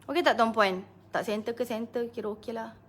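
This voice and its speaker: A woman's voice: on the high side, a little fast. A Malaysian woman business coach chatting casually on a live stream, greeting viewers by name and laughing often.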